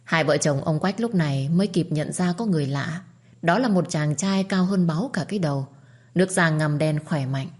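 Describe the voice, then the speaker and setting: A woman narrating a story in a calm, steady reading voice. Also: low-pitched, moderate pace.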